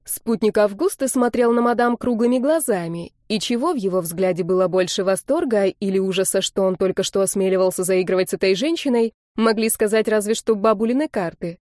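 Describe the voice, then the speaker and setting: Mellow-voiced woman narrating an audiobook. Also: mid-range voice, a little fast, few pauses, dry recording, clean studio sound. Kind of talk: first-person scripted narration.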